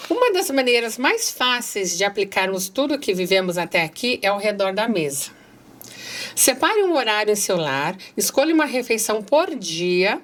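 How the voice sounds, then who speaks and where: A woman's voice: medium pitch, very animated, normal speed, fairly bright tone. Earnest middle-aged Brazilian woman. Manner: earnest, addresses listeners directly. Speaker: guest. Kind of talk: casual conversation, reading passages aloud.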